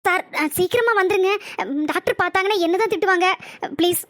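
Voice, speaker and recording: A woman acting a polite, hurried hospital nurse in a family drama skit. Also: extremely high pitch, no echo, clean studio sound.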